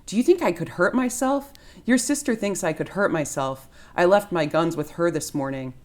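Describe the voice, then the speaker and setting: Woman reading a moany self-pitying dad on the phone, lowish voice. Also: normal speed, darkish tone, natural voice. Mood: plaintive. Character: anxious self-pitying older father on phone.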